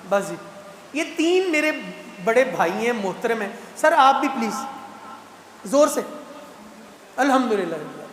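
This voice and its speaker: A man, giving a lively mosque talk at a Quran gathering and putting playful rhetorical questions to the congregation. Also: extremely high pitch, slight background noise. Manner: animated, teasing rhetorical questions to the crowd. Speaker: guest speaker at a Quran completion gathering. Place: large mosque hall. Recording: echoey mosque hall with long reverb.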